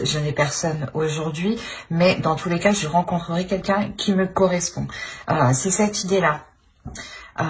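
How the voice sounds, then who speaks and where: A woman with a voice on the low side gives an informal tarot reading, speaking haltingly as she searches for words and clearing her throat often.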